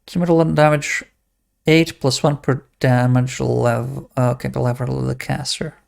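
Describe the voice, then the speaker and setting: A man's voice: mid-range voice, little pitch movement, normal speed, vocal fry. A man giving casual game commentary, thinking aloud and reading text from the screen. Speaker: let's-play host.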